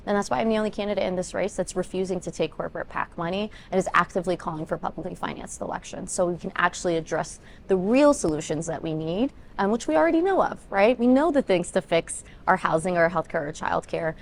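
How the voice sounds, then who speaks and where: Twenties woman, political candidate, low creaky delivery, earnest long answers, faint background noise. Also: expressive, fast talker, few pauses. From Ethiopia, raised in Denver. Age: 20s. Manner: earnest, talks in long run-on points with many ums. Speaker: congressional candidate.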